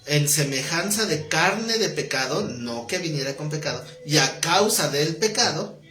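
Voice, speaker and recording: A man teaching a Bible study class, keeping it conversational and quizzing his students with quick questions. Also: fairly high pitch, lively intonation, sharp tone, faint music behind. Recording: roomy echoing classroom.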